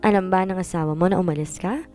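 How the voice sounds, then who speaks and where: A woman reads a worried older father, gentle yet firm, pleading with a grown daughter. His lines are a touch higher and louder than the plain narration, over faint music. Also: fast, lightly acted. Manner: concerned, coaxing.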